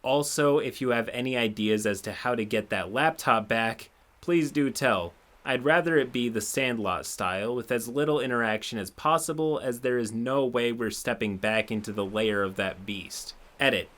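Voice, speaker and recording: A man narrating a submitted tabletop gaming story, with expressive, sarcastic asides of his own. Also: medium pitch, normal speed, hardly any pauses. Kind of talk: reading a submitted story aloud with commentary.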